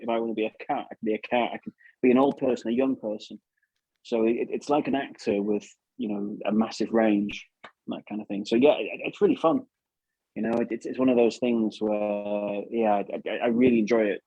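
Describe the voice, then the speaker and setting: An English puppeteer from England, appearing as a podcast guest, chats casually and with enthusiasm, rambling and repeating words often. His voice is fairly low, dark and husky. The recording is dry and sounds dull.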